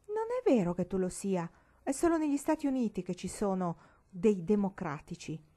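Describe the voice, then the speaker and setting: Una lettrice che fa una bambina seria e sensibile. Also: female voice, mid-range voice, sing-song, normal speed, mellow. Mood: earnest. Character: earnest sensitive little girl. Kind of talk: audiobook reading.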